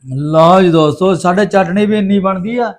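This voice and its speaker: A man's voice: high voice, normal speed. A man with a Punjabi accent hosting a casual home food vlog, exclamatory and fond of repeating catchphrases to his viewers. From Punjab, India. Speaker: vlog host.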